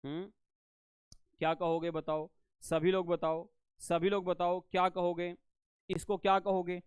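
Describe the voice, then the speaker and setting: High, crisp male teacher voice. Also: level tone, a little slow, no room sound. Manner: repeats phrases and quizzes students; addresses students as beta, asks if they understand. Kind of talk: live online exam-prep class.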